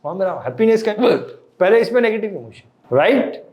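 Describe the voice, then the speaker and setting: High-voiced man teaching a class. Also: big pitch swings, normal speed, dull audio. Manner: quizzes the audience, mixing Hindi with English. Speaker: meditation and emotions teacher. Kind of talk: lecture to a live class.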